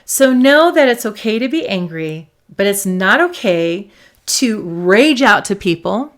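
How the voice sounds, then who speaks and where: A woman psychologist talks straight to camera about handling emotions. She speaks emphatically and repeats her key points to drive them home, in a mid-pitched voice. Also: very animated, measured pace. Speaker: psychologist and host.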